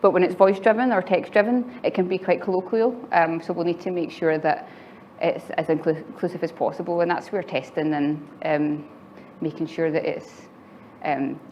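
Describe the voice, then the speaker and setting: With a deep, darkish voice, a woman speaks at a conference venue in front of a live audience, delivering a tech talk in a chatty style with frequent light laughs between phrases. The audio sounds slightly muffled, with faint background noise.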